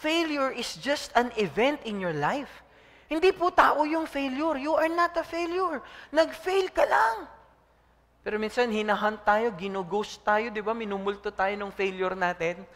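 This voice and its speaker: Male pastor, high lively voice, engaging call-and-response sermon, echoing hall. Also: unhurried. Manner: preaching in mixed Tagalog and English, call-and-response with congregation.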